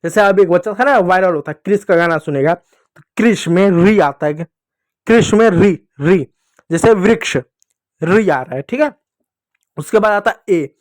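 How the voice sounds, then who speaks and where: Male teacher, higher register, dry recording; patient reading lesson for kids, stretches out each sound. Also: no room sound. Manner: repeats sounds slowly, asks and answers own questions.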